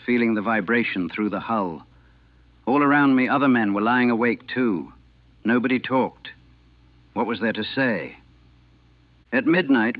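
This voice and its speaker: This is an old 1940 recording of a low-pitched older man, a navy veteran, giving a first-person account of a battle. He speaks in clipped, plain, matter-of-fact sentences. The audio is thin, dry and phone-like with no echo.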